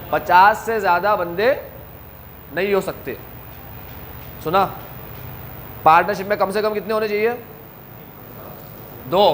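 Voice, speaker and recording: High-voiced man teaching a coaching class, drilling students with questions and answers. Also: a bit bright, slight background noise. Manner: talks straight to students, asks questions and answers them himself. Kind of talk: classroom lecture.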